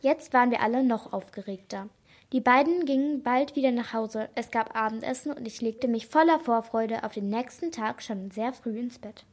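A woman reading a first-person children's crime story aloud, lively and giving each character a voice. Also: on the high side, moderate pace.

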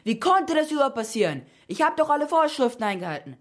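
A woman voicing a greedy, hot-tempered rich Roman builder who shouts and frets. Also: high-pitched, big pitch swings, quick pace, pitched above the performer's own voice. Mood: furious. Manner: shouting, fretful.

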